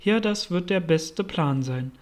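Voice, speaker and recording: A man's voice: sits high, expressive, measured pace. A man voicing the young girl Alice in a storybook reading, exclaiming and talking to herself.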